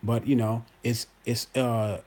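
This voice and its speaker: A man's voice: mid-range voice, level tone, slow, a little mellow. A man in his forties giving his opinion in a casual monologue, emphatic and repetitive, talking straight to his viewers. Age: 40s. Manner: emphatic, repeats himself, addresses viewers as y'all. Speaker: boxing commentator host.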